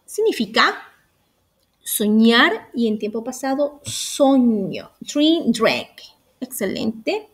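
A woman's voice: on the high side, very animated, slow, breathy edge. A woman teaching English vocabulary, patiently repeating each word for students to echo and coaxing them along. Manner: affectionate, coaxing. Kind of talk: slow drilled vocabulary lesson.

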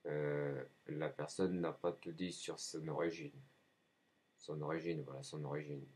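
A man in a rambling spoken monologue, halting often and repeating himself as if answering his own questions. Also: very deep voice, flat delivery, a little mellow, slightly rough. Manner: halting, frequent hesitations.

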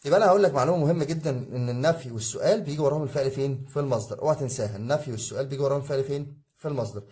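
An English teacher with an Egyptian Arabic accent runs an exam review lesson, posing questions to his students and answering them himself. He calls them "guys" while drilling the rules. His voice is medium-pitched and warm, and he talks very fast.

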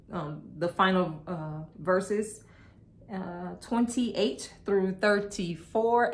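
A woman teaching a casual Bible study, halting with many fillers and restarts, laughing now and then. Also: lowish voice.

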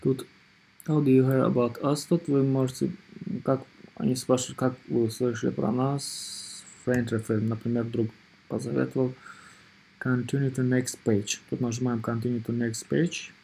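A man narrating an informal screen tutorial as its presenter, in a hesitant, halting way, often repeating himself. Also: mid-range voice, little pitch movement, creaky, warm tone, slightly rough, low-quality recording. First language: not Russian or rusty Russian speaker living abroad.

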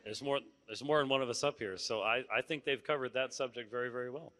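A middle-aged man answers on a conference stage, holding a handheld mic. He speaks in a measured way, pausing to rephrase, with touches of dry humor. His tone is bright and forceful at a middling pitch. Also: a little hiss or hum. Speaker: panelist. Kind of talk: panel discussion answer. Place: large conference hall stage.

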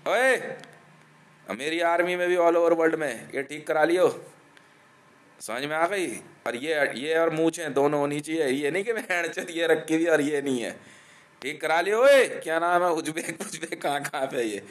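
A man's voice: on the high side, measured pace. A man from India delivering a profane ranting monologue, aggressive and taunting, swearing constantly and laughing between threats.

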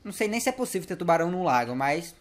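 A man giving casual gameplay commentary, slangy and playful, talking to the game's characters and getting excitable in the action. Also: on the high side, racing. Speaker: gameplay youtuber.

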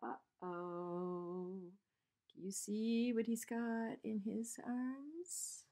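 A woman teacher reading a rhyming picture book to children, adding chatty asides and soft whispers for her young listeners. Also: fairly high pitch, steady tone, drawn-out words. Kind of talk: children's read-aloud.

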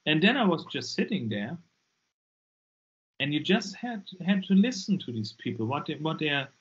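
A man's voice: a little high, sing-song, moderate pace, lo-fi sound. A man in his forties from Germany with a German accent, a non-native English speaker talking emphatically as a guest on a video call through earbuds, often repeating words. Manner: emphatic, repeats words when pressing a point. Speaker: guest, deliverance minister. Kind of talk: casual interview talk. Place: dim room indoors.

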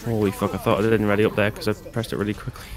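Over gaming voice chat, a man speedruns a team shooter, talking very fast in a lowish voice with little pitch movement. He chats casually through team callouts and swears now and then.

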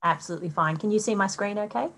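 A woman's voice: medium pitch, racing, a bit bright, a little hiss or hum. A woman class teacher keeps things chatty and encouraging, with a mid-range voice. She talks over a video call. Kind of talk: online class chat.

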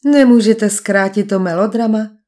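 A cool young detective in an audiobook, as a woman narrator voices him. He trades dry quips with his captor and never loses his calm. The tone is mellow and dark. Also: mid-range voice, lightly acted. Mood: wry. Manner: dry, unflappable banter. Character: cool, wry young male captive detective. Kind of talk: audiobook character voice.

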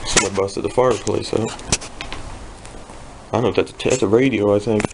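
A man with a low, gravelly voice talks in muttered asides as he picks his way through a dark abandoned house. The sound comes off a handheld camera mic, with plenty of hiss and noise. His remarks stay hushed and wary. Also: steady tone, brisk. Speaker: urban explorer filming. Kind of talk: casual handheld exploring commentary. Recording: noisy handheld camera audio.

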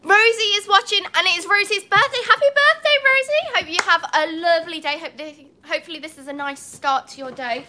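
A young English woman with a cold hosts a casual livestream chat from an indoor cat cafe with large windows, using a tripod-mounted phone. Her pitch is extremely high and her tone sharp; she talks briskly with few pauses. She laughs often and is apologetic.

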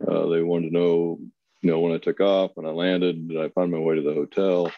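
A man in his fifties from Kansas giving a volunteer talk on a webinar, plainspoken and pausing often with fillers. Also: low voice, flat delivery, no room sound. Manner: plainspoken, many pauses and fillers. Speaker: volunteer consultant speaker. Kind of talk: webinar presentation. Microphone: video call. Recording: dull, lo-fi webinar audio.

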